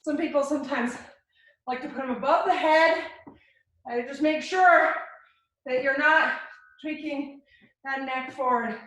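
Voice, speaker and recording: A woman's voice: sits high, unhurried, pauses often, a bit bright. A woman fitness instructor coaching a live workout in short, encouraging cues and countdowns. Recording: very echoey room, distant mic.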